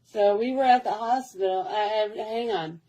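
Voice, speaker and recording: A woman's voice: medium pitch, moderate pace, dark tone, rough recording. A woman telling a childhood story in a casual, rambling way, repeating herself and restarting often. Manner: rambling, repetitive, with many restarts.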